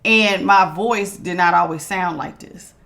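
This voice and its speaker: Delivering a relaxed tarot reading to viewers, this woman speaks at a measured pace in a lowish, creaky yet fairly bright voice. It projects strongly, and her emphatic, authoritative style leans on repeated phrases.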